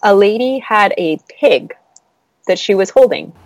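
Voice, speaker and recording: A woman's voice: medium pitch, animated, measured pace, no room sound, rough recording. A young woman from Hawaii, chatting as a podcast guest, with lots of fillers and easy laughter. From Oahu, Hawaii. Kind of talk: casual conversation. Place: at home.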